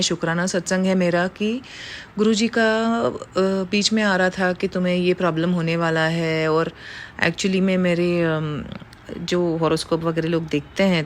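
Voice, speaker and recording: Middle-aged woman, devotional testimony, low voice, faint background hiss. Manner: mixes Hindi with English phrases, earnest and grateful.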